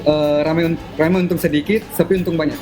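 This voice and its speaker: Relaxed Makassar interviewer with a slightly high voice. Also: male voice, quick pace. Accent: Makassar Indonesian. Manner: relaxed, hesitant with many fillers. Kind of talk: casual interview. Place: coffee shop. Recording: music playing in the background.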